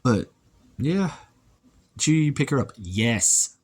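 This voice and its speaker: A man casually reviewing a toy, chatty and relaxed, thinking aloud as he handles it. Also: mid-range voice, slow, slightly rough.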